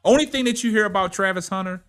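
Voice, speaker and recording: A man's voice: high-pitched, fast, fairly bright tone, faint music behind. A man hosting a sports talk show, emphatic and argumentative, firing rhetorical questions and checking in with short tags. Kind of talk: sports commentary and debate with a caller.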